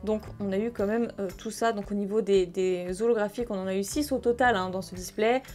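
A young woman chatting casually while opening trading card packs, breaking into excited exclamations. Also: mid-range voice, brisk, faint music behind. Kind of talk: casual excited unboxing chat.

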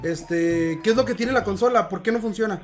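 Indoors in a home room, a young adult prank caller plays a concerned dad, polite and hesitant on the line. He talks fairly quickly in a high voice, with soft music in the background.

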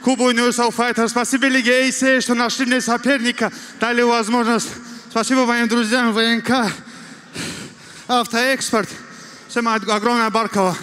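A male fighter answers in a post-fight interview. His voice is strikingly high and sounds bright and tense. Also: level tone, moderate pace. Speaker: professional fighter.

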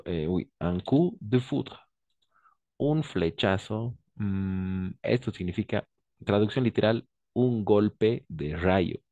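Low-voiced, slow, patient French teacher. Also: male voice, mellow, dry recording. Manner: slow, patient, repeats words and switches to Spanish to translate. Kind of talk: online language lesson.

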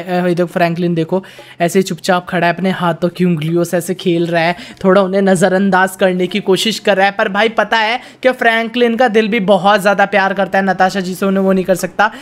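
A man hosting a gaming channel, giving chatty gameplay commentary and constantly calling his viewers friends and brothers as he playfully narrates his character's romance. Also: high voice.

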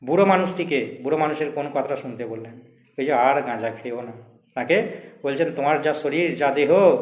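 A man's voice: medium pitch, darkish tone, echoey room. A Bengali-accented man teaching a school literature lesson, reading old prose aloud and then explaining it in plain speech with exam questions.

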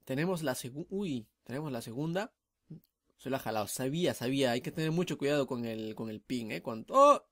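A young man, chatting excitedly while commentating his own gameplay, full of tag questions. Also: mid-range voice, brisk, no room sound, clean studio sound. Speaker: gamer commentating his match.

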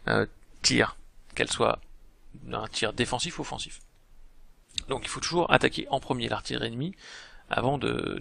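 A man's voice: mid-range voice, vocal fry, sharp tone, no room sound. A man giving casual commentary over a strategy game, thinking aloud with frequent hesitations. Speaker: game video host.

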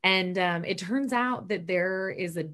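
A chatty woman in her late thirties talks about her work in a casual video-call interview, upbeat and rambling with fillers and asides. Her voice sits low for a woman. She is heard through a laptop mic in a small bedroom. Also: unhurried, a bit bright. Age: 30s. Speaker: stage manager and professor, interview guest. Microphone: laptop webcam mic on a video call.

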